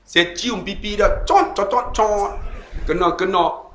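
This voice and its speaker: Animated high-voiced Malaysian preacher in an echoey hall. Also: male voice, slow pace. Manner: animated, addresses the audience as tuan-tuan, acts out voices. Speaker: Islamic preacher. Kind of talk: humorous sermon.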